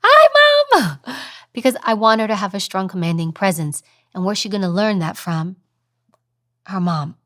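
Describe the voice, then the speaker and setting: A woman in her thirties tells stories in conversation with lively energy. Her pitch sits in the middle range for a woman. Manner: animated storytelling, acts out high fast voices. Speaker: guest, former agent and news presenter. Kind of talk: interview conversation.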